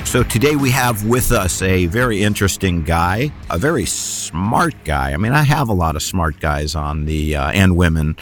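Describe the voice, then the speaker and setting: Male interview host, very deep voice, folksy and rambling. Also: normal speed, few pauses, faint music behind. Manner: rambling, folksy, many fillers. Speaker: podcast host. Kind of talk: interview podcast.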